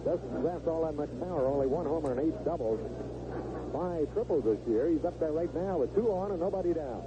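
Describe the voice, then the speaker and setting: On a noisy, narrow-band vintage AM radio broadcast, a man calls a 1970s baseball game live in short, clipped phrases. His voice sits a little high, with lively intonation and a fairly quick pace.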